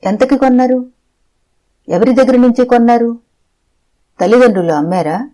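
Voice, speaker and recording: Brief: narrator doing a persistent middle-aged man interrogating gently but fast, mellow and low-key, storybook reading. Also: lightly acted. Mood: questioning. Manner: presses with quick, pointed questions. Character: probing middle-aged man questioning a family. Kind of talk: audiobook character voicing.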